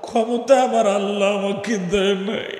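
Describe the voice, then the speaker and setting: A man voicing a starving male lion that begs softly and tearfully in a sermon story, in a high bright voice with long hall echo. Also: level tone, normal speed, faint music behind, lightly acted. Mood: pleading, tearful. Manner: soft begging, lowered voice. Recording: echoey hall with long reverb.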